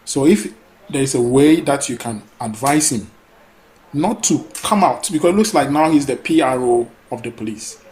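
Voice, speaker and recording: A man's voice: medium pitch, animated, moderate pace, a little mellow, slight background noise, low-quality recording. A man from Ghana calling in to a talk show, speaking earnestly with hesitations and fillers. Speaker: caller. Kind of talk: call-in talk.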